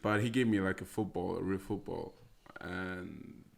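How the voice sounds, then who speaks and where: A young man from Austria with a very deep, gravelly voice talks as a guest in a casual interview. His pitch stays flat and even, and he speaks haltingly, pausing on fillers and starting over. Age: 20s. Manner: halting, with many fillers and restarts. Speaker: guest, American football player.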